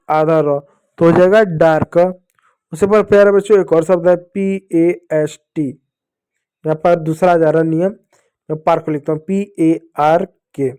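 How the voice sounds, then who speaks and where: A man's voice: fairly high pitch, warm tone, clear, resonant tone. A man teaching young children to read, patient, asking them questions and repeating each point. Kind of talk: children's phonics lesson.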